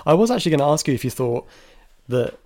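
This film podcast co-host has a fairly high-pitched, slightly mellow voice. In the easygoing movie chat he's talkative and thoughtful, full of hedges and restarts, and often bursts out laughing.

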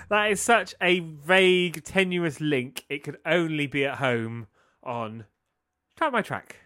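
A man's voice: on the high side, slow, bright, forceful tone. A man, chatting casually as co-host of a music podcast.

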